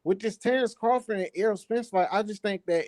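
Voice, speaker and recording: High-pitched man arguing. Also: brisk, darkish tone, no echo, studio quality. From New Orleans, United States. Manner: defensive, slangy, repeats phrases emphatically. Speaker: guest debater on a boxing talk show. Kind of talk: heated casual sports debate.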